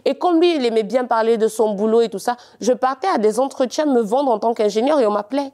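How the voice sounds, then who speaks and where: A young woman from Cameroon with a slightly faded Cameroonian French accent, a guest telling her story in a lively, teasing and insistent way. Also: a little high, quick pace. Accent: Cameroonian French, partly faded. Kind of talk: casual interview talk.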